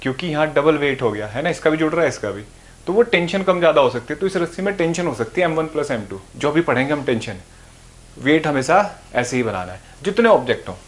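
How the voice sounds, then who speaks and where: Hindi physics teacher lecturing at a board. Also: male voice, fairly high pitch, expressive, fast. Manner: explains patiently, asks and answers own questions. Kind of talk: classroom lecture. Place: classroom or room with a board.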